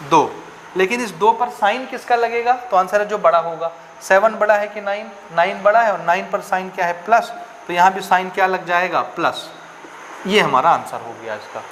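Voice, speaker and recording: A man from India teaches a maths lesson in a fairly high voice. He walks through each step, repeats key rules and keeps asking his students questions. A faint background hum sits under the recording. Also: fairly bright tone. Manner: repetitive, questioning, checks understanding often. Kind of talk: classroom lesson explaining step by step.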